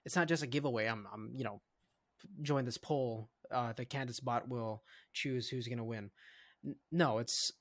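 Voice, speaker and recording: A young adult man co-hosting a casual podcast, talking in an animated, rambling way with frequent restarts. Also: medium pitch, normal speed. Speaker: podcast co-host. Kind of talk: casual chat.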